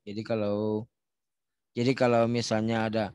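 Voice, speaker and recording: A man teaching a science lesson in a relaxed, chatty way. He sometimes shouts out sample sounds to demonstrate. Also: on the low side, moderate pace, smooth, dry recording. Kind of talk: casual classroom explanation.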